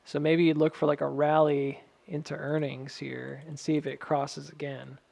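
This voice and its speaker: A man with a whistle on his s sounds gives casual, technical chart commentary, thinking aloud in a measured, cautious way. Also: fairly high pitch, level tone, gravelly, darkish tone. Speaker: stock chart analyst addressing viewers.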